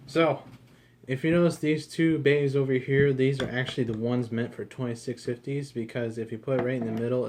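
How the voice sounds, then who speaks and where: Male gadget reviewer, loose and rambling, mid-range voice, light background hiss. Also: medium pitch. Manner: loose and rambling, swears casually. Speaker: product reviewer. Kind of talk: casual product review.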